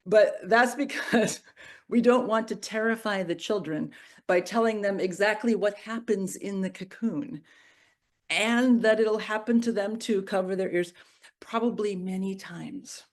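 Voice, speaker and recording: A middle-aged woman giving a personal storytelling reflection at a church service, moving from playful to hushed and grave. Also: medium pitch, a little slow. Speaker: worship reflection speaker.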